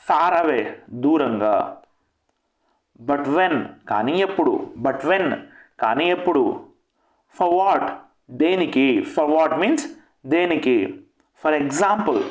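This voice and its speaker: Slow, deliberate male teacher. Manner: says each English phrase, then gives its Telugu meaning and repeats it; lifts his pitch on the English phrases. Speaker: spoken English teacher. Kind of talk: language lesson with repetition. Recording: echoey room.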